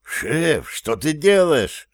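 Man voicing a fretful male henchman, easily offended, clear dry voice. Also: medium pitch, animated, a little slow, no echo, close to an everyday voice. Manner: indignant, whiny. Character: fussy, excitable male sidekick.

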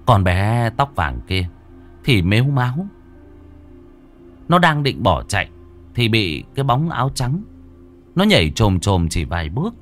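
A man narrates a horror story in a vivid, expressive manner. His lowish voice swoops widely in pitch. Faint music plays beneath him. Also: a little slow, pauses often.

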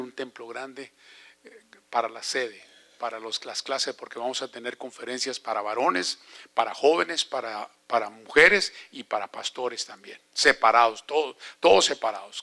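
An older man preaching a sermon as an evangelist, telling stories animatedly and asking the congregation questions. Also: mid-range voice. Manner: animated storytelling with rhetorical questions.

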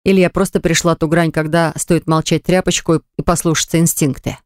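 A woman narrating an audiobook in the first person, with a lively, indignant, sharp-tongued way of telling the story. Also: low-pitched, brisk, dry recording, clean studio sound.

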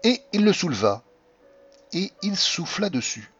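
Husky guy reading an old novel out loud, lively pitch, dull lo-fi sound. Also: unhurried, faint music behind. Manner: expressive storytelling reading. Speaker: audiobook narrator. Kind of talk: scripted literary narration. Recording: dull lo-fi audio.

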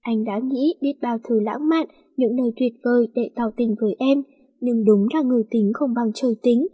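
A woman's voice: fairly high pitch, normal speed, husky, no room sound. A woman doing a tender young man. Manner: gentle coaxing, earnest confession. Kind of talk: storybook reading.

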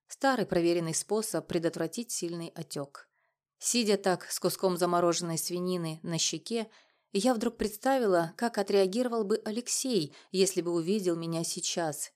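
Woman, first-person audiobook narration, lowish voice, measured and dramatic. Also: a little mellow.

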